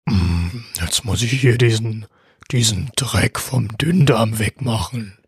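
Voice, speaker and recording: A man voicing a fat, deep-voiced, grumbling large intestine. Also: slow, husky, no room sound, studio quality, exaggerated voice.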